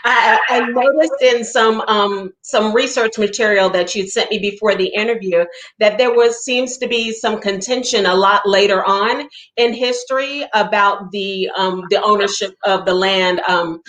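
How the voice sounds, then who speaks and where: A woman's voice: mid-range voice, steady tone, normal speed, fairly bright tone, low-quality recording. Responsive female interviewer. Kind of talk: conversational interview.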